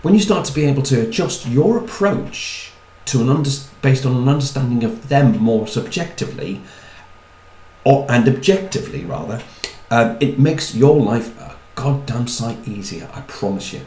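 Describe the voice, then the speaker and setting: A man's voice: medium pitch, lively intonation, moderate pace, darkish tone, reverberant, low-quality recording. A man giving a chatty talk on personality types, with wry asides and repeated words. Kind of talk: talk to an audience.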